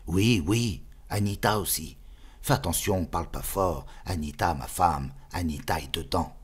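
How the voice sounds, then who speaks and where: Guy doing old bearded gaucho dude, low gravelly voice, hushed and urgent. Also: unhurried. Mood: hushed, insistent.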